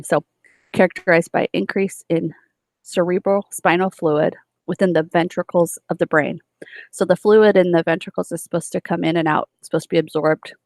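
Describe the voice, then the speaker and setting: In a recorded lecture, a nursing instructor explains her material step by step in a lowish, gravelly, darkish voice with no room sound. Her delivery is full of fillers, restarts and self-corrections.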